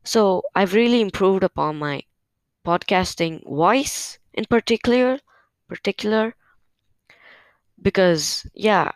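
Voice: medium pitch, lively intonation, slow, long pauses, clear, resonant tone, no room sound. A podcast host recording at home on a new microphone, talking casually and hesitantly with many fillers, a little nervous. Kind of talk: casual solo podcast update. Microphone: new podcast microphone on a stand.

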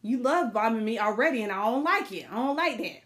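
A woman's voice: on the high side, lively intonation, fairly quick, fairly bright tone. A woman co-hosting a podcast in casual chat, giving her opinion emphatically. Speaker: podcast co-host.

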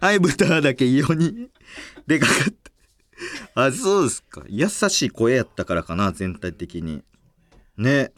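A man's voice: mid-range voice, lively intonation. A young man with a Kansai accent hosting a podcast, chatting casually and laughing often. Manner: chatty, quick to laugh, jokey. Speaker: podcast host. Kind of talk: casual chat.

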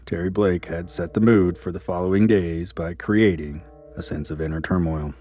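Deep-voiced man narrating an ominous story. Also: darkish tone, breathy edge. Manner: measured, ominous. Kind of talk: scripted horror story narration.

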